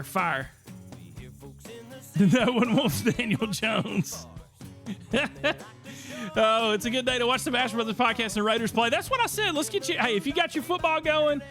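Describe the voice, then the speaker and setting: Upbeat male podcast host, high bright voice. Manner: energetic, reads chat aloud. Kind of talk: casual livestream chat.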